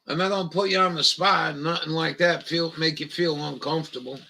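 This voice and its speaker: A man's voice: a little high, steady tone, a little fast, vocal fry, sharp tone, rough recording. A man with a Maine accent, hosting a livestream in crude, joking, rambling chat and mockingly reading things aloud. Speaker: livestream host.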